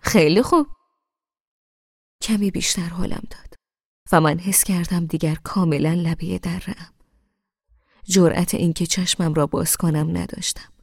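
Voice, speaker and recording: A woman with a low voice reading a first-person novel, quietly and intimately, often dropping to a near whisper. The recording is dry and close, with no room sound. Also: steady tone, slightly rough, no room sound. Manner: soft, at times near-whispered. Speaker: audiobook narrator.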